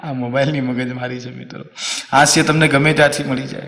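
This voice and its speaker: A man from Saurashtra with a Kathiawari Gujarati accent, telling comic stories on stage in a lively way. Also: medium pitch, quick pace, faint music behind. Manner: lively, swings into loud acted quotes. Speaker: stand-up comedian. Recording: long hall reverb on a stage mic.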